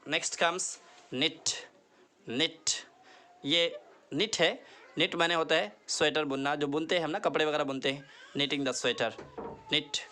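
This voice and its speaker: A man with a fairly high voice teaches an online lesson in Hindi and English. He says each word slowly and repeats it for the listener to echo. He earnestly urges them to practise every day. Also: bright, forceful tone. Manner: earnest, pleading tone.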